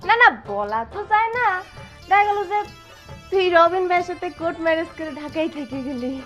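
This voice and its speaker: A woman's voice: very high-pitched, animated, fairly quick, a bit bright, faint music behind. An actress playing a cheeky younger sister who teases her elder sister. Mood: teasing. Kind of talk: rural comedy drama acting.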